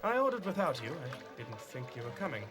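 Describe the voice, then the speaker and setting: A man's voice: medium pitch, very animated, fairly quick, lightly acted. A man voicing a stiff, reserved aristocratic new husband who speaks formally in an adventure game. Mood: aloof. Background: game music.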